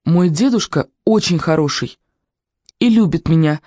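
A reader voicing Katya, a shy, soft-spoken orphan girl in an audiobook. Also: mid-range voice, expressive, normal speed, dry recording, natural voice. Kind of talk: audiobook character reading.

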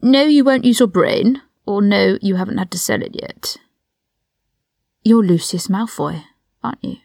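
A woman's voice: medium pitch, expressive, unhurried, vocal fry, a little mellow, dry recording, studio quality. A woman voicing a hot-tempered, defiant young man who talks back bluntly from a prison cell in a read-aloud story. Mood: agitated. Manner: blunt, bristling.

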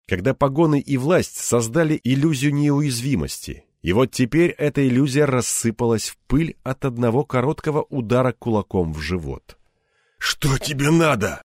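A male audiobook narrator with a measured, expressive reading style. His pitch moves a lot across each phrase. The voice is recorded close and dry, with no room sound. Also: no echo. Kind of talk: scripted narration.

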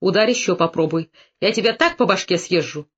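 A reader voicing a stubborn young peasant woman who answers in sharp, defiant retorts, in a slightly muffled audiobook recording. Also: mid-range voice, sing-song, fairly quick. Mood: threatening.

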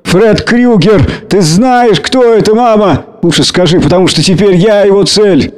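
A man's voice: high-pitched, normal speed, pitched above the performer's own voice, natural voice. A man voicing a frightened, defiant teenage girl who speaks in urgent, pleading bursts.

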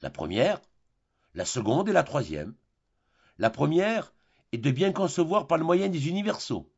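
A man's voice: a little high, very animated, moderate pace, darkish tone, slightly rough, lo-fi sound, exaggerated voice. A man voicing a long-winded, pedantic male philosophy tutor who lectures methodically, in an audiobook reading of a classic play. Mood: lecturing. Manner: didactic, lecturing, listing terms methodically.

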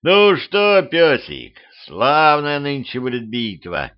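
A man voicing a wry middle-aged cemetery watchman who wisecracks and shouts in a fight. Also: medium pitch, wildly swooping pitch, slow, dull audio, pitched above the performer's own voice.

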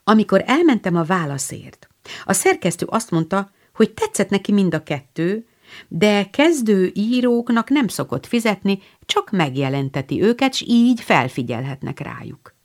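A woman voicing a lively, tomboyish teenage girl writer in a storybook reading, brisk and eager. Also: medium pitch.

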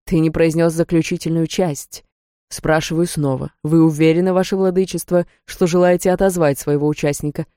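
A woman voicing a formal, anxious older male rector who speaks in slow, measured words, read as an audiobook character. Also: sits low, steady tone, mellow, dry recording, clean studio sound, natural voice.

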